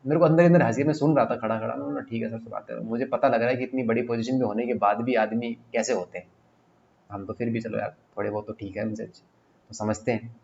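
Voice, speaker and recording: A man's voice: medium pitch, steady tone, quick pace, gravelly, a little mellow. A young man, an exam coaching teacher, talking casually in an online class, telling stories and repeating himself as he explains. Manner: chatty storytelling, mixing English phrases, repeats himself. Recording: slightly dull audio with faint noise.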